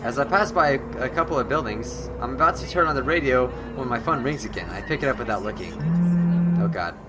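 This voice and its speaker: The host of a gaming channel records a let's play, reading game text aloud theatrically and adding jokey asides, stumbling over the odd word. His mid-range voice is expressive and a little fast, and the recording is very noisy.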